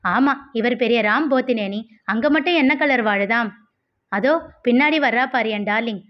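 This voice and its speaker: A woman's voice: a little high, muffled recording, lightly acted. A woman voicing a cheeky, jobless young man who teases everyone. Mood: teasing. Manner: teasing, mock-dramatic, quick.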